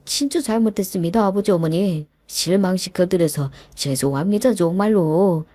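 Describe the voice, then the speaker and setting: A woman's voice: fairly low pitch, moderate pace, mellow, dry recording, studio quality, lightly acted. A woman voicing a cheating husband who grovels and begs forgiveness in a told story. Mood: groveling. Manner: groveling, pleading apologies. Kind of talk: storytelling with voiced characters.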